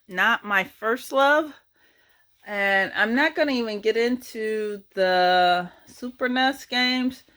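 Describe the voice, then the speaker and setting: A woman's voice: a little high, fairly bright tone, smooth. A middle-aged woman rambling nostalgically about her game collection in a casual chat, with lots of ums and uhs. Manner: rambling, nostalgic, many fillers.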